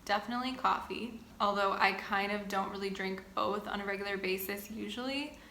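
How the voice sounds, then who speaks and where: Speaking briskly at a medium pitch, this vlogger sounds pushed and bright, with fairly even intonation. She's in her twenties, from the Boston area of the United States, and reads out questions before answering each at length in a relaxed get-to-know-me chat. Her room is echoey and carries a little background noise.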